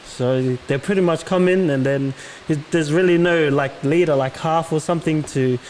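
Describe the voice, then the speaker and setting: A man's voice: fairly high pitch, measured pace, a little mellow, low-quality recording. A man giving casual sports opinions as a panelist, in loose conversational phrasing. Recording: slight background noise.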